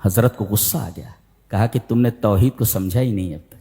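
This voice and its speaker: A male Islamic scholar preaching a sermon, telling a story with rising emphasis and slowing down to recite scripture. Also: warm tone. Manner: emphatic storytelling, pitch climbing sharply when stressing a point. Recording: long echo of a large hall.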